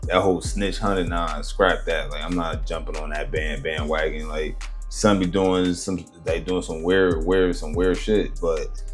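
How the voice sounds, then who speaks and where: Man, low deep voice, casual video commentator, rambling, slangy, faint music behind. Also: fairly even intonation, measured pace. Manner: slangy, rambling, frequent check-in phrases.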